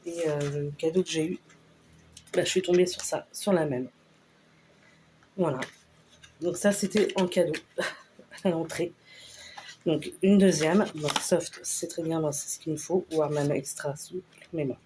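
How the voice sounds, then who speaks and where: A woman casually talking through a shopping haul, unhurried and hesitant with lots of fillers. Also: low voice, noisy background. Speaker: vlogger showing a store haul. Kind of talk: casual haul video chat.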